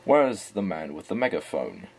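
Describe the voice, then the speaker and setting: A man reading the lines of an anxious plump schoolboy in a put-on English accent, in a low, husky voice. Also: wildly swooping pitch, normal speed, a little mellow, full character voice. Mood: fretful.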